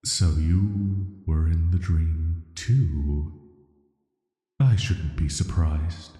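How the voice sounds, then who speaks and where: In a scripted roleplay sleep-aid audio drama, a man voices a banished villain who visits dreams, his very low voice dark, velvety, soft, and hushed. He speaks slowly with a flat, measured hesitancy that feels flirty yet dangerous, his mood hesitant and guarded. Long reverb trails each word for an atmospheric effect.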